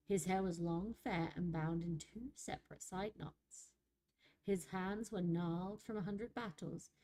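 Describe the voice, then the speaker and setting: Chatty woman streamer, mellow voice. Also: medium pitch. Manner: chatty, joking, laughs often, internet slang. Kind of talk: casual lore reading and chat on stream.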